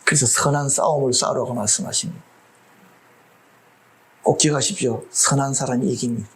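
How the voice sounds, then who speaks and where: A man's voice: medium pitch, fairly even intonation, brisk. A middle-aged man preaching a sermon as pastor, humorous and full of rhetorical questions.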